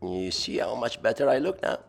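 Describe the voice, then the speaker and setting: A man's voice: mid-range voice, very animated, a little fast, creaky, music in the background. A middle-aged man from Lebanon with a Lebanese, Middle Eastern accent, doing a playful scripted voice-over for a tutorial with dry humour. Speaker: voice-over narrator of a hair tutorial.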